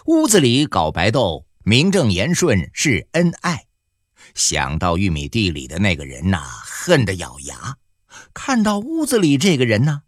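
Animated male audiobook storyteller. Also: lowish voice, no echo, clean studio sound. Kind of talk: audiobook narration.

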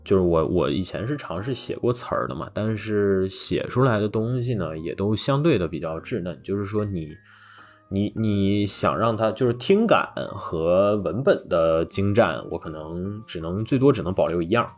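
A man's voice: low voice, moderate pace, soft background music. A man hosting a podcast, chatting loosely about hip-hop with many fillers and restarts. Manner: rambling, relaxed, many fillers. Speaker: podcast host.

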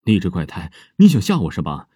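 A harsh, scornful stepmother, voiced by a man, loud and threatening, raising her voice with lively swings in pitch. The sound is close and dry, like a spoken ghost story. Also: a little fast, husky, no echo, exaggerated voice. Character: cruel, spiteful stepmother, a grown woman.

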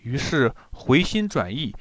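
Animated male storyteller. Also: mid-range voice, unhurried, no room sound. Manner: animated, expressive. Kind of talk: children's story narration.

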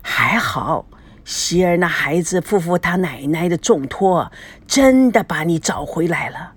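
A woman voicing a grieving old man who pleads gently with his brother, speaking low, husky and quavering. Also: expressive, measured pace. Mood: coaxing.

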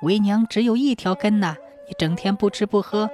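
A woman's voice: mid-range voice, normal speed, mellow, soft background music, natural voice. A woman voicing a kind widowed village mother who fusses anxiously over her son. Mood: worried doting. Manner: fretful, fussing, affectionate.

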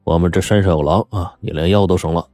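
Give me a blunt, gruff middle-aged father, as a male narrator plays him, deep and dry. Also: steady tone, quick pace, dark tone, no room sound, faint music behind, lightly acted. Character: gruff middle-aged father, rough but kind-hearted.

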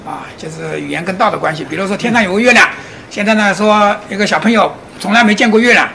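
A man giving a public lecture, animated, often asking his audience rhetorical questions and chuckling as he explains. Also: sits high, fast, vocal fry, a little hiss or hum. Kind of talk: public lecture on Chinese classics and Zen.

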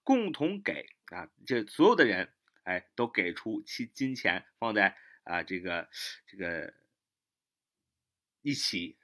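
A man teaching English vocabulary in a patient, repetitive way, spelling words out letter by letter with many drawn-out fillers. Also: lowish voice, sharp tone. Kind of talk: mnemonic vocabulary lesson.

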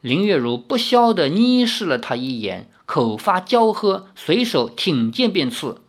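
Lively audiobook narrator. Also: medium pitch, a little slow. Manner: animated storytelling. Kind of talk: audiobook reading of a wuxia novel.

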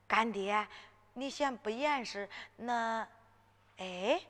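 A woman's voice: on the high side, fairly bright tone, long reverb tail. A woman playing a feisty young village girl. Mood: pleading. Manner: quick-tempered, plain-spoken dialect. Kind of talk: Henan zhuizi ballad storytelling.

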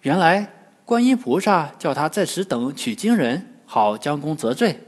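A man narrating a classic tale for children in an expressive storytelling manner. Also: on the high side, unhurried. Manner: lively, expressive. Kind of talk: scripted narration.

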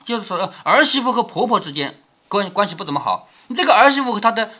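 A man retells a classic novel and stops to explain it, often posing rhetorical questions. His voice is bright and slightly husky. His pitch moves very expressively. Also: very animated, quick pace. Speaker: narrator and commentator reading a classic novel. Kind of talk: storytelling with commentary.

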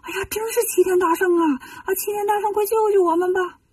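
Frightened male monks from a storybook read aloud plead and fret, played by a woman. Their voice is mellow and breathy. It is a touch high-pitched and sits a bit back from the microphone. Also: normal speed, no room sound, far from the mic. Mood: excited. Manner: pleading, worried.

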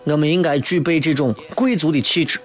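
A man's voice: on the high side, fairly quick, music in the background. A man with a Shaanxi accent delivering a colloquial, opinionated monologue as a talk show host, often throwing out rhetorical questions.

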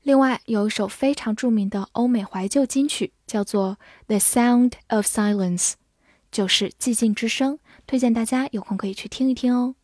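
A young woman teaching English vocabulary in a scripted lesson, spelling words out and reading model sentences slowly and clearly. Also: on the high side, darkish tone, no room sound, studio quality.

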